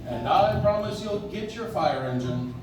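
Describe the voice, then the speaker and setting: A man's voice: high-pitched, lively intonation, normal speed, background noise. A man playing a kindly, assured department store Santa Claus in a live staged radio play. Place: live stage in a coffee house. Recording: echoey, distant recording with music behind.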